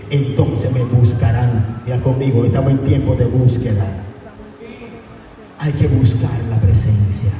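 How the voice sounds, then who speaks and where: A man preaching a sermon with fervor, rising to high shouts and slowing for emphatic lines. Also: a little hiss or hum. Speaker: evangelist preacher. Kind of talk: Spanish-language sermon. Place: large echoey hall. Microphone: distant from the mic. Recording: echoey hall recording from far off with faint ambience.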